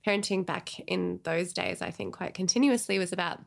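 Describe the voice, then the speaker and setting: A woman's voice: on the low side, brisk, creaky. A woman, co-hosting a podcast in casual chat, thoughtfully explaining ideas in long sentences. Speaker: podcast co-host.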